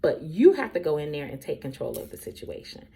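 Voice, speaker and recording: A woman's voice: low voice, big pitch swings, brisk, vocal fry, dark tone, exaggerated voice. A woman voicing her firm, no-nonsense mother giving tough advice in a stern, lecturing tone.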